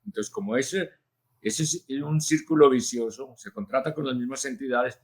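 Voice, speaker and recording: Man, interview guest, teacherly, measured, hesitant fillers. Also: mid-range voice. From Colombia. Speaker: linguist and journalist, interview guest. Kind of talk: explanatory interview answers.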